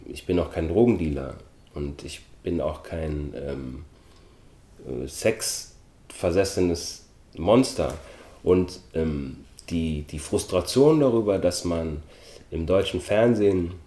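A middle-aged man from Austria, an actor speaking as an interview guest in a thoughtful, measured way with frequent hesitations. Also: low-pitched, darkish tone, reverberant. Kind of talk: relaxed interview talk.

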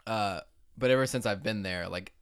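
A man's voice: fairly low pitch, moderate pace, fairly bright tone, clear, resonant tone. A young man in casual podcast chat, telling a rambling story in a laid-back way with lots of fillers. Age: young adult. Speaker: podcast co-host.

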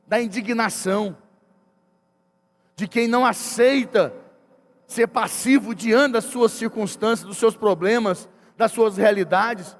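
A man with a high voice preaches a sermon, telling a family story and voicing each person in turn. His voice rings with a long hall reverb. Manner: retells family conversations, acting out each person's lines. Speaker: pastor.

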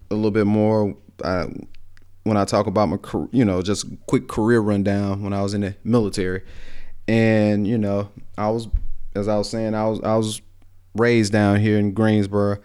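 Southern podcast host, rural Alabama accent, lower-pitched, smooth and resonant, rambling folksy delivery with lots of restarts. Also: male voice, a little mellow. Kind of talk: casual solo podcast monologue.

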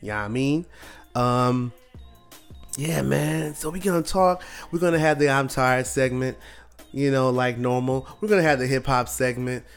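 A man's voice: mid-range voice, measured pace, clear, resonant tone, faint music behind. An American man hosting a solo podcast in a casual, laid-back bro style, full of hip-hop slang and repeated catchphrases. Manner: laid-back, slangy, bro-like delivery peppered with "yo" and "you know what I'm saying". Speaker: podcast host.

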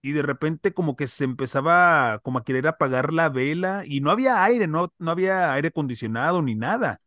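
A man's voice: on the high side, lively intonation, fairly quick, fairly bright tone, no room sound, studio quality. Slangy Mexican man trading stories. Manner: slangy, loose reactions. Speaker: podcast co-host. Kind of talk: casual storytelling chat.

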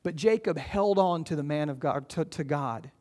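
A man preaching a sermon as pastor, earnest and encouraging, swinging between loud urging and quiet, hushed lines. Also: a little high, moderate pace. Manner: earnest, encouraging, rises and drops in volume.

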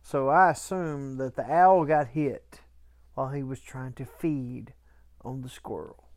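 A man's voice: medium pitch, unhurried, a little mellow. Folksy man in casual banter. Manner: folksy, colloquial phrasing. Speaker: podcast co-host.

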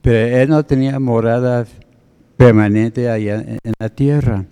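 A man preaching a sermon, explaining word meanings in a slow, deliberate teaching manner. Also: mid-range voice, fairly even intonation, warm tone, clean tone.

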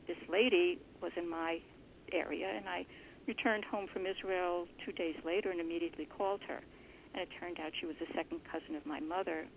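A woman guest in an interview, explaining her family research earnestly and thoughtfully, with a gravelly voice. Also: on the low side, slight background noise. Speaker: genealogist guest. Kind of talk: conversational interview answers. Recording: muffled lo-fi recording.

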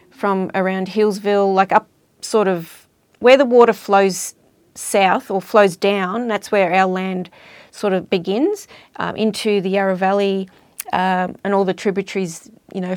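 A woman who is a guest on an interview, explaining things in a measured way with fillers, recorded in a studio. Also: medium pitch, no echo. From Victoria, Australia. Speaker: guest, language and culture worker.

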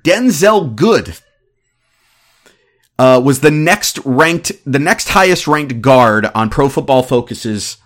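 On a sports podcast, a male host in his thirties rants with animated exasperation, delivering opinionated commentary in a mid-range voice.

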